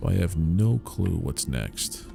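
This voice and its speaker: A man's voice: sits low, lively intonation, takes it slowly, gravelly, music in the background. A man giving casual, informal commentary on a game livestream, often muttering to himself.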